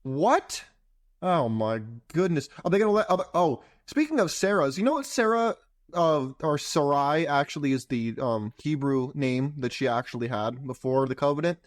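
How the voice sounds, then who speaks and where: A man's voice: fairly high pitch, very animated, normal speed, no echo, clean studio sound. A man hosting a show, giving blunt, sarcastic reaction commentary on a video clip. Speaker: host and commentator.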